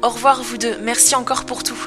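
A woman's voice: a little high, level tone, a little fast, over music, natural voice. A woman voicing a kind young male pony who looks after his little brother. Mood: grateful.

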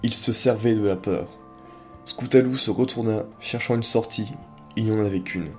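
Brief: male narrator, low mellow voice, dramatic story reading, faint music underneath. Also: moderate pace.

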